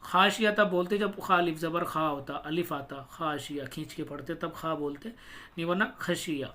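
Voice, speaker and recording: A man with a high, bright voice teaches a Quran reading lesson. He explains each rule patiently, then sounds out the words syllable by syllable at a slow, deliberate pace. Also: steady tone.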